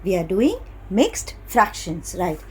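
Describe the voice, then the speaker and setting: Woman teacher, Indian English accent, middle-aged; lively, patient, drawn-out delivery for young pupils. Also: mid-range voice, a little hiss or hum. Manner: slow, patient, sing-song teacher talk, stretching key words. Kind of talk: online class lesson for young children.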